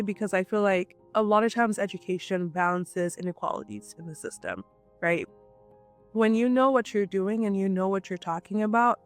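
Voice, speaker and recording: A guest entrepreneur from Nigeria speaks animatedly and emphatically in a casual interview, often checking in with "right?". Her voice is mid-range.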